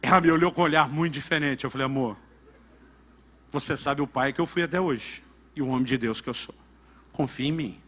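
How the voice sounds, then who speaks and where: A man's voice: mid-range voice, brisk, long pauses, sharp tone. A middle-aged man with a Brazilian Portuguese accent, a pastor preaching a sermon and telling a family story with emphatic quoted dialogue.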